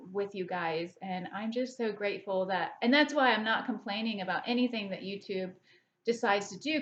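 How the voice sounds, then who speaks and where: A woman in her forties talks casually to camera about books, wandering from thought to thought and restarting her sentences. Her voice sits at a middling pitch. The audio is a little dull and lo-fi. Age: 40s. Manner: rambling, chatty, with frequent restarts and fillers. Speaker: book vlogger.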